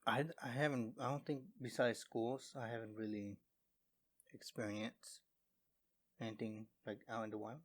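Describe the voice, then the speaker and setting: A man's voice: mid-range voice, flat delivery, normal speed. A man co-hosting a podcast, talking casually and hesitantly with many fillers and restarts. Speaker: podcast co-host. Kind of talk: casual chat.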